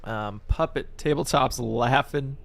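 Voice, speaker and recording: Male streamer, gravelly, middle pitch, live gameplay commentary, prone to loud outbursts. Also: slow. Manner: excitable, bursts into shouts and laughter. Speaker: streamer and channel host.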